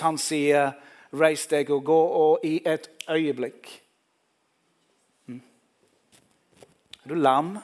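A man preaching a sermon, telling the story vividly and speaking directly to the listeners. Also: a little high.

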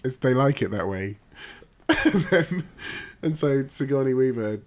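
A man's voice: medium pitch, animated, a little slow. A man in an improvised comedy chat, playful, laughing often as he spins silly stories.

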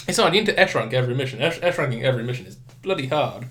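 Nursing a head cold that makes him sound slightly nasal and stuffed up, a young British man hosts a podcast about games. His mid-range voice is animated and fairly bright, racing along as he rambles, starts over, and performs quotes in a casual chat.

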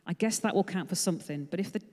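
A woman's voice: on the low side, very fast, mellow, lightly acted. A woman voicing an anxious young man pleading and arguing with God, in a reverberant hall. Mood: exasperated pleading. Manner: pleading, exasperated.

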